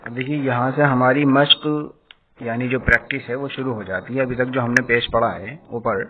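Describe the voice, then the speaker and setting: A man giving an online reading lesson, patient and explanatory, who keeps checking in with his students and slows down to drill each sound. His voice comes through thin and phone-like. A faint hiss sits behind it. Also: medium pitch, fairly even intonation. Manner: slow, emphatic recitation drill of letter sounds. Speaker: Quran reading teacher. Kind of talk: online lesson explaining letters and vowel marks.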